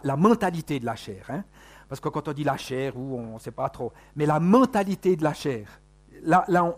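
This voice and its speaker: A man's voice: on the high side, a little mellow. A man preaching a sermon in a conversational way, with many rhetorical questions to the congregation. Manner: conversational, full of rhetorical questions and tag words.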